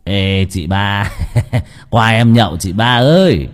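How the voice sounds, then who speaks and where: A man's voice: lowish voice, slow pace, in a large hall. A man voicing a drunk scarred thug with slurred, drawling speech. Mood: drunken.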